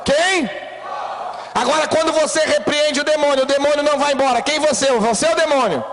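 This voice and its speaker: Male pastor, sermon, very high voice, fiery delivery with pauses. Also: big-room sound. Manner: preaching with rising shouts and dramatic pauses, acting out voices.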